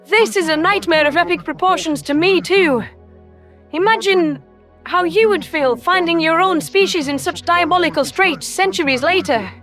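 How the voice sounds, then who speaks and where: A woman with a very high, fairly bright voice plays an ancient alien predator soldier in a sci-fi audio story, speaking at a moderate pace. Her smooth, formal delivery is reproachful, earnest and grieving, with faint music underneath.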